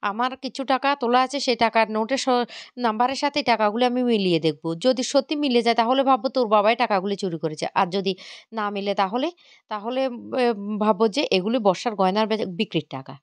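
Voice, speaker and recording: A stern older mother-in-law who runs the house and scolds without pause, read out by a woman telling the story. The voice sits fairly high and is smooth and clear, with brisk, quick delivery. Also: no echo, close to an everyday voice. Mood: insistent.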